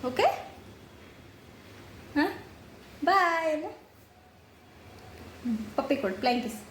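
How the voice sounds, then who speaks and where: A young woman, a mother gently questioning her small child in a casual home vlog. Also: sits high, animated, slow, echoey room, a little hiss or hum. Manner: coaxing, affectionate questioning of a child. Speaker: mother and vlogger. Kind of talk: casual family vlog chat.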